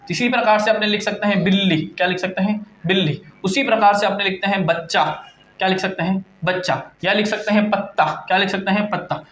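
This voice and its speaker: A man's voice: sits high, a bit bright. A male teacher giving a lecture, asking questions and answering them himself. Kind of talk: classroom lecture. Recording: echoey room.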